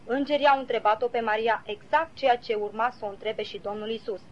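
A woman reading a devotional Bible commentary aloud in a measured, earnest way, citing verses as she goes. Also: fairly high pitch, steady tone, a little hiss or hum. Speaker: Bible teacher. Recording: slightly dull lo-fi recording.

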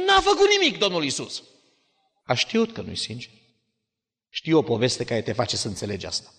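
A male preacher giving a sermon in a church hall, in an animated storytelling style with dramatic swings. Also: medium pitch. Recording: long church-hall reverb.

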